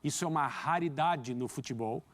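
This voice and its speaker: A man's voice: a little high, brisk. A man giving studio football analysis in an articulate, emphatic way, with rhetorical questions. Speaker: football commentator.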